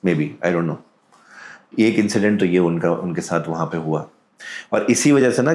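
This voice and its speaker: A man with an Indian accent telling a true ghost story in a calm, deliberate way, mixing Hindi and English as a podcast guest. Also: deep voice. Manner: calm, deliberate, drops into quoted voices. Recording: roomy echo.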